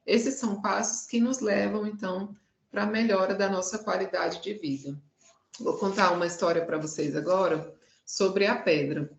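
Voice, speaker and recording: A woman psychologist with a Brazilian accent gives a live talk in a measured, gentle way. She often pauses and uses fillers. Her voice sits at a middle pitch, and the room adds a clear echo. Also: fairly even intonation. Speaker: clinical psychologist. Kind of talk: live talk with advice and a story. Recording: echoey room.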